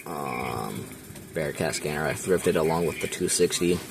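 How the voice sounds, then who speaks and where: A young man gives a casual show-and-tell of his radio collection in his bedroom, rambling with plenty of ums while filming point-of-view on a handheld camera. He has a gravelly bass voice at a measured pace, and background noise is audible.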